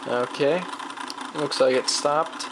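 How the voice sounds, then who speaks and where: Over clear machine hum in a noisy home video, a hobbyist casually demonstrates a vintage tape recorder, rambling and half talking to himself or herself. The voice is gravelly and mid-pitched, steady in tone and slow.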